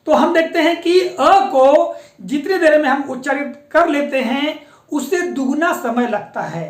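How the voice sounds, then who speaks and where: Woman teacher, high voice, patient explanatory lecture, roomy echoey sound. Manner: patient, explanatory, often repeats a confirming filler. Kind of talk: classroom-style lecture on pronunciation. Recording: echoey room.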